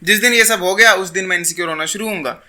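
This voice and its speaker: A young man lectures his viewers in a high, bright, hard-hitting voice. He argues point by point and switches freely between Hindi and English. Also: fast talker. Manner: argumentative, mixes Hindi and English. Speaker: self-improvement YouTuber. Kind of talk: opinion monologue to camera.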